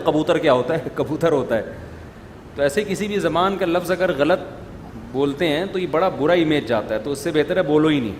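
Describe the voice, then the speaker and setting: A middle-aged man giving an informal religious talk to an audience, conversational and scolding, with many rhetorical questions. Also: a little high. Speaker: religious scholar, preacher. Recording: long reverb, faint room noise.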